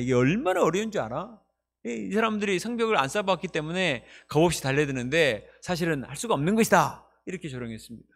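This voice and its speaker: A male pastor preaching with emphasis and plenty of rhetorical questions. His voice sits high for a man and moves through a very lively pitch range. He leans into every point for the congregation. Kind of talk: sermon.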